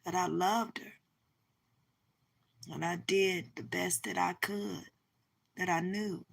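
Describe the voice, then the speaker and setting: Slow gravelly woman losing her voice. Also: fairly low pitch, fairly even intonation. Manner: slow, heartfelt, emphatic repetition. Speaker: vlogger. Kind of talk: personal testimony to camera.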